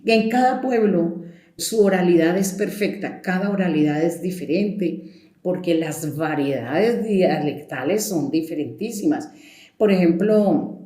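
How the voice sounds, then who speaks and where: A Colombian woman storyteller speaks reflectively and emphatically, stretching out key words, in an echoey room. Her voice is lowish and warm, animated, and a little slow.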